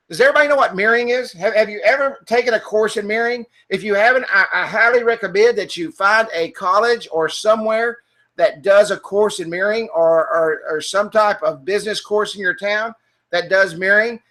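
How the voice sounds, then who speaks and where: High, bright-voiced man teaching sales. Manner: energetic, repetitive, many "okay?" and rhetorical questions. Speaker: sales trainer. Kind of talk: webinar training talk. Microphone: computer mic in a webinar.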